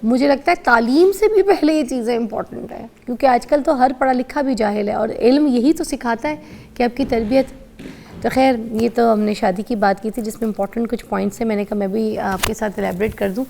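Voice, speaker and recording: A woman's voice: fairly high pitch, gravelly, darkish tone, slight background noise. A middle-aged woman with a Pakistani accent hosting a morning TV show, chatty, teasing and opinionated. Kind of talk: casual TV chat. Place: TV studio.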